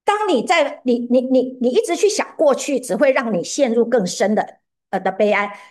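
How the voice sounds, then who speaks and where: A woman's voice: on the high side, expressive, normal speed, a little mellow. A woman preaching a sermon who often puts questions to her listeners.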